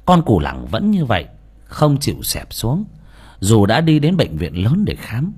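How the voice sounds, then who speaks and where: Man, audiobook narrator, colloquial, dramatic, husky, very animated. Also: mid-range voice, unhurried. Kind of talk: storytelling narration.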